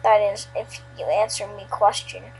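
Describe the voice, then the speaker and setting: A woman's voice: mid-range voice, a little slow, darkish tone, slight background noise, natural voice, rough recording. A woman voicing a playful male pirate fox animatronic who talks in pirate dialect.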